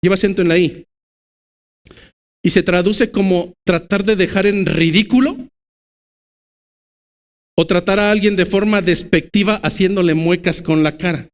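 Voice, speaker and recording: High-voiced Mexican pastor preaching. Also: male voice, fairly even intonation. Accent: Mexican Spanish. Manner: preaching with swings from loud emphatic bursts to low slow stresses. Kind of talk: sermon. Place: church.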